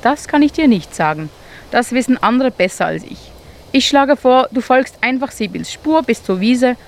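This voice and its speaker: A woman putting on a wise old male owl from a children's storybook, speaking calmly and gently as he gives advice. The voice sits noticeably higher than the storyteller's own and stays soft and unhurried. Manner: gentle, advising.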